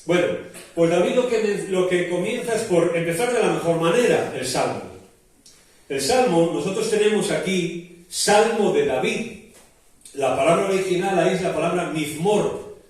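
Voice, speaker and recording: A male pastor from delivers a sermon, explaining patiently with restarts and rhetorical asides. His voice sits a little high. The mic is some way off, and the church hall rings with heavy echo. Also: normal speed. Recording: very echoey church hall from a distance.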